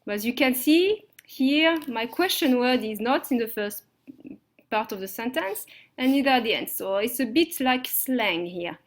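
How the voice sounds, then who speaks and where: A woman's voice: a little high, expressive, measured pace. A woman teaching a language lesson from slides, explaining step by step and checking understanding with "okay?". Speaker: French teacher.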